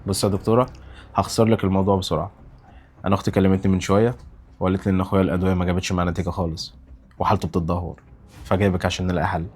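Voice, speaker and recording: An actor playing a brother with an Egyptian accent, earnestly explaining the situation. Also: male voice, deep voice, little pitch movement, rapid-fire, darkish tone, breathy edge. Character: brother who fetched the doctor. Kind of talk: web drama acting.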